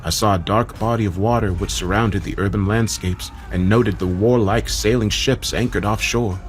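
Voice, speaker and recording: A man narrating a first-person horror story in a measured, dramatic way. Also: fairly low pitch, steady tone, slight background noise.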